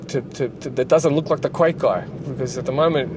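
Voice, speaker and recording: A man's voice: mid-range voice, a little fast. A man who develops games, chatting casually and rambling while driving, with lots of fillers and restarts. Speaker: game developer and channel host. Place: inside a car while driving. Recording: road noise inside a moving car.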